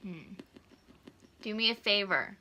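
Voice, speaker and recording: A woman with a bright, keen-edged voice leads an amateur ghost hunt. She is jumpy and creeped out, asking the unseen for answers in casual, sweary speech. The recording is indoors with a faint layer of noise. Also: mid-range voice, expressive, slow pace. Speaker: amateur ghost hunter leading a spirit box session. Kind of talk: casual ghost hunt, questioning spirits aloud. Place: indoor room.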